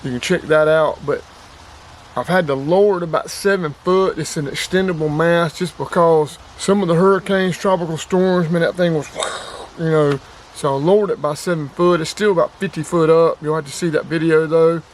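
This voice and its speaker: This low-quality recording features a man from North Carolina with a high-leaning voice, fairly even intonation and a normal pace. He's an outdoors and radio hobby vlogger doing a casual, no-frills demonstration outside, repeating things emphatically, and ambient noise is clearly heard.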